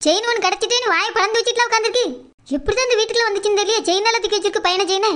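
A very high, bright, squeaky cartoon voice of a timid village woman, as a woman voices her with a Kanyakumari Tamil accent. She talks fast and pleads and whines without a break. She sounds like a fearful character in a storybook cartoon. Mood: pleading. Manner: pleading, whiny, tearful. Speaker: cartoon voice artist.

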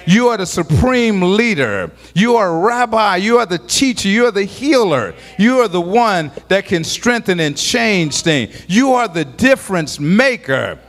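A man preaching a sermon as a pastor, building to shouted, rhythmic lines full of repetition. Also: high voice, very animated, a little slow, few pauses. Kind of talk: call-and-response sermon.

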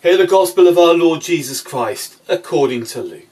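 A man's voice: fairly high pitch, animated, normal speed, darkish tone, slightly rough, rough recording. Man reading scripture and preaching. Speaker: priest.

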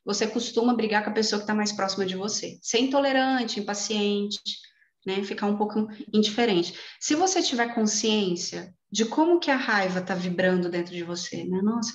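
A woman guest speaker explaining mindfulness in a lively way with personal examples, speaking on a video call. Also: medium pitch. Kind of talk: explanatory talk in an online meeting. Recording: roomy, dull call audio.

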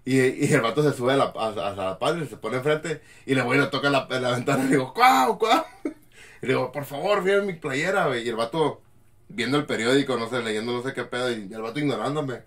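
Fast-talking guy telling a story. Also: mid-range voice. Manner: slangy, animated storytelling. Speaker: podcast co-host. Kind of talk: casual chat.

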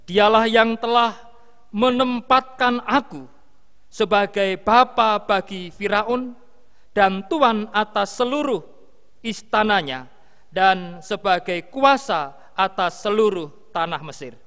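A man leads worship as a pastor, reading scripture at a slow, solemn pace. His voice sits high and rings smooth and clear. Long reverb trails each phrase. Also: fairly bright tone. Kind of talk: liturgical prayer and scripture reading.

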